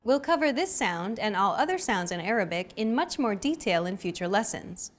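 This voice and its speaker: A woman hosting a language lesson, explaining in clear, measured, scripted narration. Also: medium pitch, big pitch swings.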